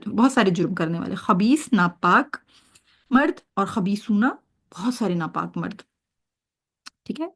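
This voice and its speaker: A woman teaching Arabic grammar, drilling word pairs and checking her students' understanding as she goes. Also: mid-range voice. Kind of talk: online grammar lesson.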